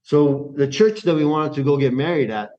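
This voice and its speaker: A guest from Iran narrates his life in a casual interview, his voice fairly high and his pace moderate. Animated in delivery, he backs up to restart sentences and dramatizes the dialogue he quotes, all on a lo-fi recording.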